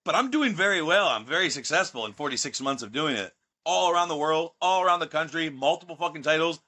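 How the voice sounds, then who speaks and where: A man's voice: fairly high pitch, lively intonation, quick pace, pushed and bright. A man in his thirties talking in a casual podcast chat, brash, profane and boastful. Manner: brash, profane and boastful, with mocking put-on voices. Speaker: guest, pro wrestler.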